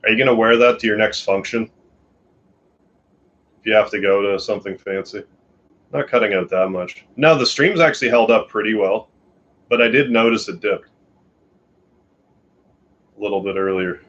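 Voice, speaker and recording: Man from Canada, live streamer, low voice, sleepy rambling chat, dull lo-fi audio. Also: moderate pace, pauses often, fairly bright tone. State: tired. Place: home bedroom.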